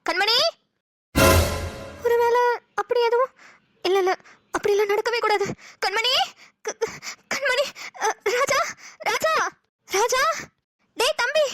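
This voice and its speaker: Very high pitched bossy older sister, panicky and scolding, cartoon voice, dry. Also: female voice, moderate pace, long pauses, a bit bright, no room sound. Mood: frantic. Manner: frantic, scolding, accusing. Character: anxious, bossy elder sister, young woman. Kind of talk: cartoon voice acting.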